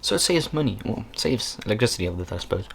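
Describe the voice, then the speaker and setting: A young man with as his mother tongue chats in a loose, rambling podcast style. His voice swings up and down a lot, and he swears freely. He sounds relaxed and unscripted as he talks from a room indoors. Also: fairly low pitch, very fast, gravelly, very noisy. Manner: rambling, swearing, laid-back. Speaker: podcast host. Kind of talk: casual chat. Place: indoor room, window open.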